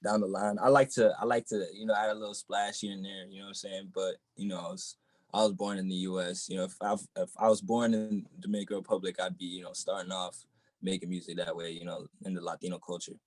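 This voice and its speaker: A young man from the Boston area, a rapper in a relaxed interview, who keeps filling his talk with "you know what I'm saying.". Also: low voice, quick pace, no echo. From Boston area, United States. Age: young adult. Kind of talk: casual interview chat.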